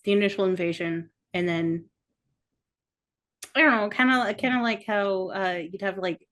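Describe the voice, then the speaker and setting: A woman's voice: mid-range voice, moderate pace, fairly bright tone. A woman guest on a podcast talking casually, hesitating often and laughing easily. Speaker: guest, freelance artist. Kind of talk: casual conversational interview.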